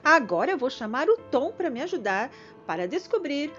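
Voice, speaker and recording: A woman's voice: sits high, very animated, moderate pace, fairly bright tone, highs cut off, faint music behind. A woman teacher with a Brazilian accent, quizzing and praising a helper in a sing-song children's lesson.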